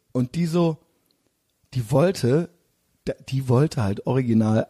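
A man's voice: mid-range voice, dark tone, slightly rough. A man casually telling a rambling, slangy anecdote full of fillers. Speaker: storyteller.

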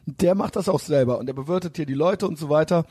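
A man's voice: a little high, fast, dark tone, breathy edge. A man casually telling a rambling, slangy anecdote full of fillers. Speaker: storyteller.

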